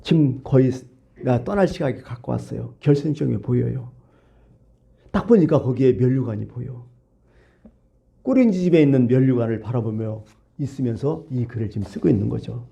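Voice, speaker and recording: A man's voice: mid-range voice, expressive, normal speed, gravelly, mellow. A male pastor preaching a sermon, telling a parable and asking rhetorical questions.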